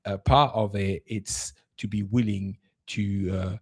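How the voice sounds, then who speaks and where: A man's voice: on the low side, fairly even intonation, takes it slowly, a little mellow, slightly rough. A man co-hosting a spiritual talk, giving relationship advice with hesitant fillers. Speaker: co-host.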